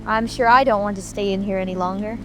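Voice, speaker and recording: A woman's voice: mid-range voice, fairly even intonation, fast talker, natural voice. A woman playing a curious, plucky, indignant young girl talking decidedly to herself in a dramatic audiobook. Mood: musing, curious. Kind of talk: dramatic audiobook character acting. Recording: music and rain ambience behind.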